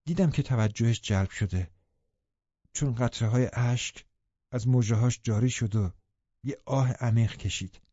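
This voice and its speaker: A man narrating an audiobook in a steady, even storytelling manner. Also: mid-range voice, breathy edge, dry recording, lo-fi sound. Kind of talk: scripted narration.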